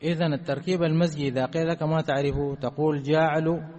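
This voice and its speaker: A man giving a classroom grammar lesson. He keeps asking whether his students have understood, and he repeats key words slowly. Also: a little high, steady tone, a little mellow. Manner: checks understanding with repeated questions. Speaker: grammar teacher.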